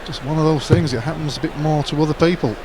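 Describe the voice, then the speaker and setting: Male darts co-commentator, higher-pitched, conversational, explanatory, noticeable arena noise. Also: fairly even intonation, fast. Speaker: sports co-commentator. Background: noisy darts arena.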